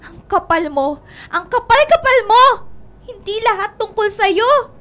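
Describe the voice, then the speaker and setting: A woman's voice: very high-pitched, normal speed, a bit bright. An actress playing a wronged, indignant young woman in a radio drama, tearful and accusatory, with a Filipino accent.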